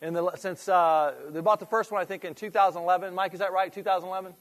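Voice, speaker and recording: A man's voice: high voice, steady tone, quick pace, a bit bright. A man giving an informal business presentation to a room, asking the audience questions and often restarting his sentences. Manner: conversational, asks the audience questions, trails off and restarts. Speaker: presenter at a fitness club industry meeting.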